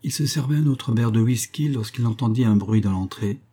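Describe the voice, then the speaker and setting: Dark, husky male audiobook narrator. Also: medium pitch, brisk. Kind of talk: scripted literary narration.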